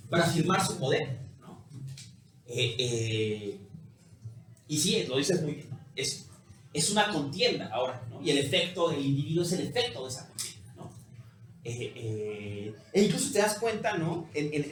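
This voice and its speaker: A man with a Mexican Spanish accent giving a philosophy lecture in an animated way, ending many phrases with tag questions. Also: a little high. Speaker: philosophy teacher. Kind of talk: university lecture. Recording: echoey room with faint noise.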